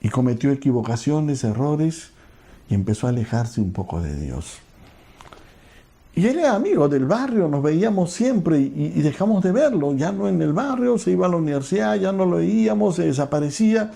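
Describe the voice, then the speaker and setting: A man preaching as a pastor, telling a personal story earnestly and leading into a hushed prayer. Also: a little high, very animated, moderate pace, gravelly. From Peru.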